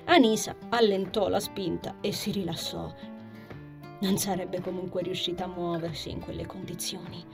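A woman reads a fantasy novel aloud with an expressive, storyteller's delivery. Now and then she sinks her voice to a hushed whisper. Faint music runs quietly in the background. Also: on the low side, moderate pace, creaky. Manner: expressive reading that drops into soft whispers. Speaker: audiobook narrator. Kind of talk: scripted narration of a fantasy novel.

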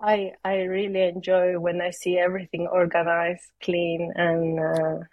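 A woman's voice: on the low side, level tone, measured pace, dry recording, narrow, tinny audio. A woman from Peru speaking English with a Peruvian Spanish accent, a yoga teacher chatting as an interview guest, hesitant and searching for words. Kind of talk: casual interview chat.

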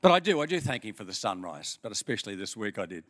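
An older Australian pastor preaching a sermon in a church, with folksy stories and an unhurried manner. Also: male voice, on the low side. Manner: folksy storytelling, lively with pauses. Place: church hall.

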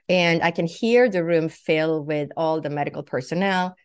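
A woman from Sweden recounts her own experience with a low-pitched voice. She tells it vividly and lively, playing out her own thoughts and the words of others as she goes. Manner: vivid, acts out quoted thoughts and speech. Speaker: guest. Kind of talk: personal storytelling.

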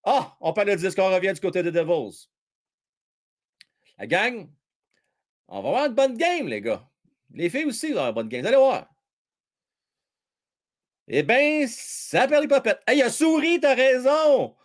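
A man with a Quebec French accent hosting a live hockey stream, commenting on the game and chatting with viewers in a slangy, excitable way. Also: normal speed, pauses often. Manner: excitable, chatty, slangy, swings between shouting and low asides. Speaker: hockey livestream host.

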